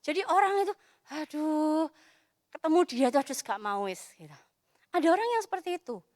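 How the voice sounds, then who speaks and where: A woman's voice: sits high, a little fast, no echo, studio quality. A woman giving a casual youth sermon in church, acting out quoted voices as she talks. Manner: animated, acts out quoted voices. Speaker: youth preacher.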